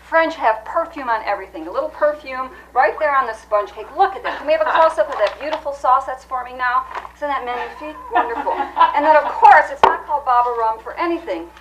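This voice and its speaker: A woman hosting a comedy cooking segment, explaining absurd claims in an earnest, deadpan way. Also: sits high, a little fast, hardly any pauses, noisy background. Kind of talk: deadpan mock cooking demonstration.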